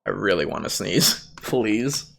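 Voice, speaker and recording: A man's voice: on the low side, expressive, a little slow, vocal fry, a bit bright. A man giving casual, rambling commentary on a video game, informal and sweary. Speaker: gaming commentator.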